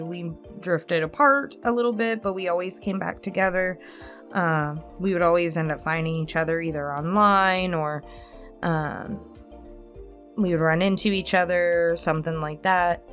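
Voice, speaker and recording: Answering questions from her subscribers, an ASMR channel host in her late twenties tells rambling personal stories, candid and casual, with small chuckles. Her voice is fairly low with a fairly bright tone and a slightly slow pace. Instrumental music plays underneath.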